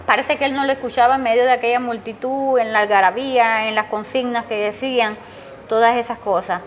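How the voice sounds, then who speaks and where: A woman's voice: steady tone, a little fast. A middle-aged Cuban woman gives an emotional personal testimony about her son, telling events in long runs and raising her voice when she repeats what he said. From Cuba. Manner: tells events in long runs, acts out her son's words in a raised pitch. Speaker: interviewee, mother of a jailed protester.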